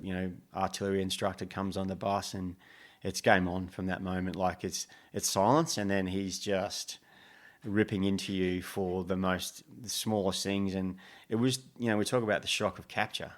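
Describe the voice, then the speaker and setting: A laid-back Australian man in his 50s, a former special forces soldier, is a guest in a casual interview in a living room at home. His voice is low, and he speaks in a relaxed way with many ums and restarts.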